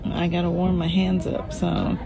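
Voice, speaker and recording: A woman's voice: fairly low pitch, level tone, moderate pace, vocal fry, crowd noise, poor audio. A woman chatting casually and intimately in a hospital room, giving brief, affectionate and amused replies from behind the camera.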